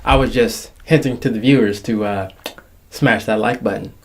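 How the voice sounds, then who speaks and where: A young man hosts a casual entertainment commentary video, jokey and slangy, stretching words out for emphasis. His voice is lowish at a moderate pace, with background music and a noisy background.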